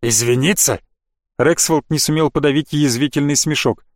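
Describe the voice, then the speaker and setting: A man's voice: on the high side, fairly quick, no echo, studio quality. Man narrating a fantasy audiobook.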